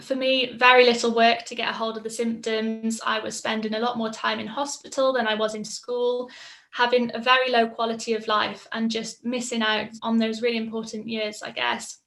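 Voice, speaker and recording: Her voice is fairly high and a little bright, delivered flatly at a normal speed. She's a patient in her twenties from Mid Wales giving a personal testimonial, musing casually and saying um often.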